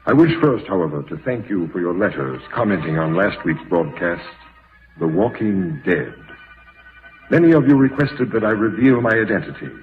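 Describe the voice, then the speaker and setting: An actor playing a grave, anonymous doctor of mystery in 1940s radio style, formal, measured and courteous. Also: male voice, low voice, animated, faint music behind. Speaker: radio drama host. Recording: muffled vintage radio recording.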